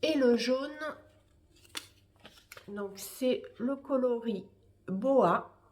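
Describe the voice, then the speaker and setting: Slow, hesitant woman talking knitting. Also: on the high side, darkish tone. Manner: hesitant, many fillers and restarts. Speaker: knitting podcaster. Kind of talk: casual show-and-tell chat.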